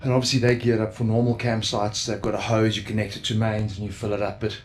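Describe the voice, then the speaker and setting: A man's voice: lowish voice, little pitch movement, fast, slight background noise. Chatty South African man vlogging. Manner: chatty, joking, self-deprecating. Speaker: travel vlogger. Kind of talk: casual vlog chat. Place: motorhome camp beside a racetrack, outdoors.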